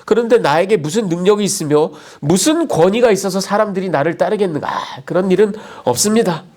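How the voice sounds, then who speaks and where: A man's voice: high-pitched, brisk, darkish tone, pitched above the performer's own voice, close to an everyday voice. A pastor voicing a fearful young man who protests and complains in a raised, indignant tone. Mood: self-pitying.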